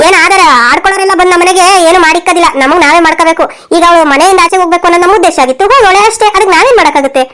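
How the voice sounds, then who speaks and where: A woman's voice: very high voice, rapid-fire, hardly any pauses, fairly bright tone. A woman voicing a bossy young married daughter in a cartoon, with a brash, dismissive manner.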